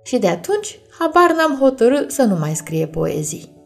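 A woman reading a bedtime story aloud, gently addressing children. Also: a little high, big pitch swings, creaky, faint music behind.

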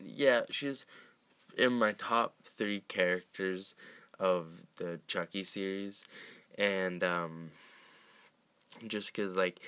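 A man with a fairly low voice talks through a film's plot at an unhurried pace. He rambles, restarts sentences and throws in fillers as he goes. The recording is close and dry, with no room sound. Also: sharp tone, no echo. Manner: rambling, many fillers and restarts, laughs often. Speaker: podcast host recapping a film. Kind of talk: casual film recap chat.

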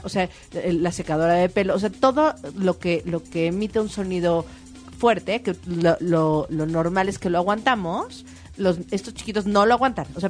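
A woman's voice: on the low side, a little mellow. Insistent woman listing examples. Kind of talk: casual expert chat.

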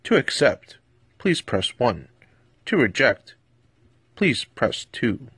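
A man reading out a collect-call phone prompt over a phone line in a stiff announcing manner, with a raspy voice. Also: mid-range voice, sing-song, slow pace, fairly bright tone, no echo, clean studio sound.

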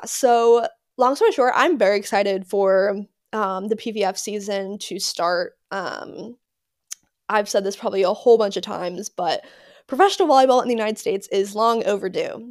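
A young woman hosting a casual solo podcast, excitable and gushing, with lots of fillers and repeated words. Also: medium pitch, dry recording, clean studio sound. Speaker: podcast host.

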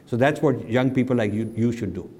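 A man's voice: medium pitch, a little fast, noisy background. A man with an Indian accent giving an emphatic public talk, repeating phrases for weight. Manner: emphatic, repeats phrases, slips between English and Hindi. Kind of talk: public talk, answering questions. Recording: long hall reverb.

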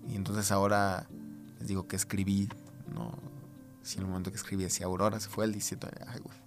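Gravelly low-voiced Mexican man. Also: level tone, over music. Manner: hesitant, halting, many fillers. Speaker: podcast guest. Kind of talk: personal storytelling. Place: recording booth.

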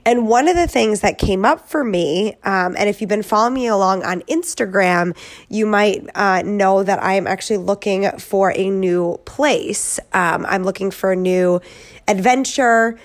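A woman's voice: mid-range voice, moderate pace. A woman hosting a casual solo podcast, sounding congested from a head cold and chatting with frequent ums and likes. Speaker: podcast host.

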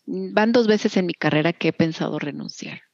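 Mexican woman, low voice, dry sound. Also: moderate pace, gravelly, a little mellow, no echo, highs cut off. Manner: candid, encouraging, many fillers. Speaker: guest. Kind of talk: casual interview.

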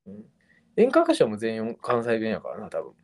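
A man's voice: on the low side, wildly swooping pitch, moderate pace, a little mellow. A young man with a Kansai accent, co-hosting a casual podcast chat and laughing easily. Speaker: podcast co-host.

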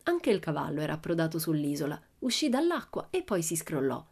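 A woman narrating a children's storybook in a steady, even storytelling manner. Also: sits low, fairly quick, husky. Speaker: audiobook narrator. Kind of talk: storybook reading.

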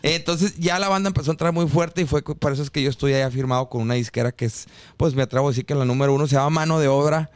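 A man's voice: medium pitch, rapid-fire, smooth, no room sound. A man with a northern Mexican accent, telling anecdotes casually in informal, slangy talk as a podcast guest. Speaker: guest singer.

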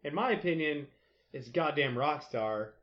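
A man's voice: on the high side, animated, normal speed, dull audio. A man co-hosting an amateur sports podcast, arguing back in exasperated, profane banter. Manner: exasperated, argumentative, swears freely. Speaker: podcast co-host. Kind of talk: casual sports chat.

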